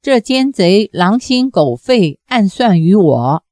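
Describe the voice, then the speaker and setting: A woman's voice: mid-range voice, sing-song, slow pace, no room sound, clean studio sound. A woman voicing a bitter, vengeful old woman who berates and demands revenge in a raised voice. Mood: fierce. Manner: shouting harsh reproaches.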